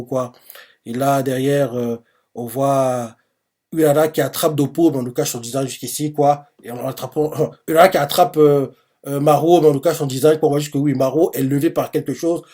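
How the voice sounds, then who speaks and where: A man's voice: medium pitch, dark tone. A man reacting live to a manga chapter, describing the panels in rambling speech full of fillers. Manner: rambling, heavy use of fillers.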